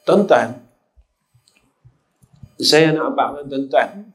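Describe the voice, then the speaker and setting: Animated yet taking his time, an older man speaks in a medium-pitched voice with a Kedah Malay accent. He preaches through stories, frequently turning to the listeners and repeatedly addressing them as sirs.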